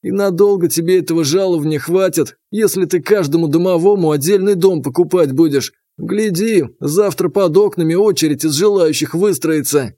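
A man's voice: fairly high pitch, moderate pace, hardly any pauses, mellow, no room sound, clean studio sound, close to an everyday voice. A man voicing a wry, teasing young friend in an audiobook.

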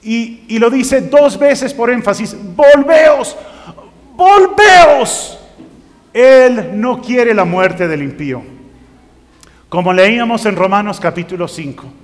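A man preaching a sermon, reading scripture aloud and rising to emphatic bursts. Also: sits high. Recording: long reverb of a hall.

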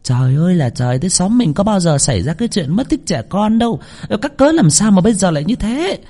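A man's voice: high voice, sing-song, brisk, mellow, voice pushed up, exaggerated voice. A man voicing a fussing, fretful middle-aged village woman. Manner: exclaiming, fussing.

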